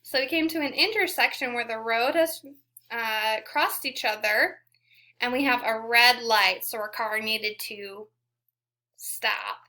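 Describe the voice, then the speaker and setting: Here a female teacher shares a picture book with young children, prompting them with questions and encouraging them by praising them again and again. She speaks unhurriedly in a slightly high voice with a sharp edge.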